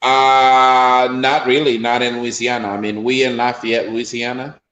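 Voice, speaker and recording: A man with a Honduran accent talks about his son in a casual interview. He rambles and restarts often, at a middle pitch. The room around him rings with echo. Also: flat delivery, unhurried, a bit bright, dull audio. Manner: rambling, full of fillers and restarts. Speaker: player's father.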